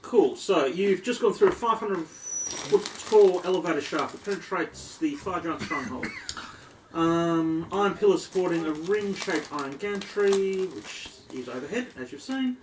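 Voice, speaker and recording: A man's voice: high voice, animated, measured pace. A man with an Australian accent narrating a tabletop game as dungeon master, descriptive with many ums. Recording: echoey room, distant mic, faint noise.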